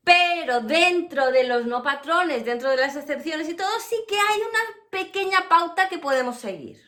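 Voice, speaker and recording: Bright-voiced teacher drilling English sounds. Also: female voice, sits high, lively intonation. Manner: explains with many examples, then models English words slowly. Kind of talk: pronunciation lesson.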